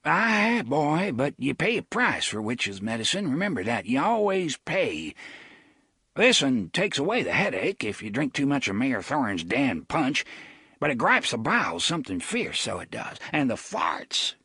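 A man voicing a fat, hungover small-town sheriff who talks in a folksy rustic dialect and scolds loudly. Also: mid-range voice, wildly swooping pitch, unhurried, breathy edge, no room sound, clean studio sound, voice pushed up, full character voice.

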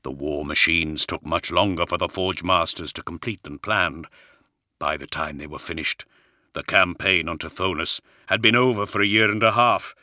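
A calculating, soft-spoken commander, voiced by a male narrator, speaking in a low, measured, confiding tone. The voice is very deep with a crisp, forceful brightness. The recording is dry and close. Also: no echo.

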